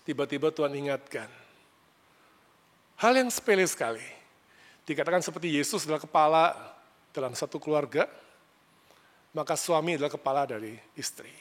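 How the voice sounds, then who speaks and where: Animated man preaching in a hall. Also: high voice. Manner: animated, conversational, rises sharply when retelling arguments. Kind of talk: sermon with personal storytelling.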